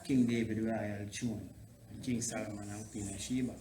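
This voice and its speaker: A man's voice: lowish voice, steady tone, moderate pace. A man speaking as a Rastafarian priest in an interview, preaching in Rasta speech with patois grammar and emphatic repeated phrases. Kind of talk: preaching-like interview talk on theology. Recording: echoey room, clear background noise.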